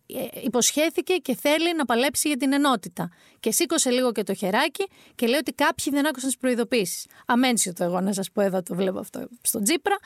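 A woman's voice: sits high, no room sound, clean studio sound. A woman commenting on politics in a vlog, sarcastic and emphatic, often repeating words for effect.

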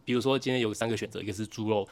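Young male podcast co-host, Taiwanese Mandarin accent, slightly low pitch, quick casual delivery with wry humor. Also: steady tone. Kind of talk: casual chat.

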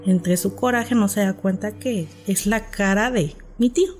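This podcast guest has a Mexican Spanish accent and a mid-range voice, speaking at a measured pace with faint music in the background. Her casual storytelling is animated, and she performs the voices of the people in her story.

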